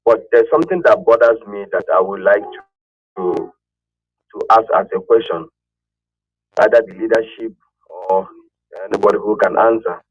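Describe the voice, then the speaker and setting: Husky, halting man on a call. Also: lowish voice. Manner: halting, hesitant, searching for words. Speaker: caller. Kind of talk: call-in radio speech. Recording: muffled call line with faint music.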